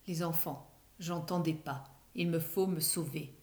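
A woman reading aloud, voicing a courteous elderly count in a storybook, soft and polite. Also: sits low, measured pace, reverberant. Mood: hushed.

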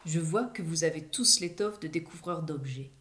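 A woman reading aloud, voicing a courteous elderly count in a storybook, soft and polite. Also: sits low, normal speed, reverberant. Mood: reassuring.

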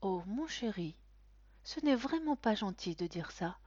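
A woman voicing a gentle, doting mother who speaks softly and coaxingly. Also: mid-range voice, animated, a little slow, no echo, pitched above the performer's own voice. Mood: gently scolding. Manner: soft and coaxing. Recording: dull, dry recording.

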